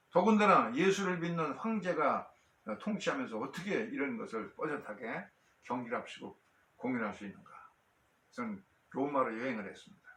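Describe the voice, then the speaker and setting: A male pastor preaching a sermon and telling a story, with frequent pauses and fillers. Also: mid-range voice, fairly bright tone, roomy sound, far from the mic, slight background noise.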